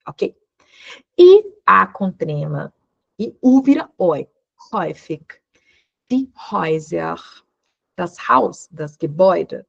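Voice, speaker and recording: A woman's voice: medium pitch, creaky, no room sound, highs cut off. A woman teaching an online lesson, explaining patiently and checking in with short questions. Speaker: law teacher giving a German course.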